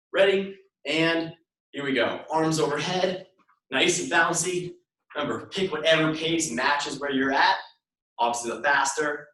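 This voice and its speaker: A man's voice: medium pitch, pushed and bright. A man leading a workout class as instructor, giving step-by-step cues in short repeated instructions. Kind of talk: live workout instruction and counting down reps. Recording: echoey room, voice far from mic.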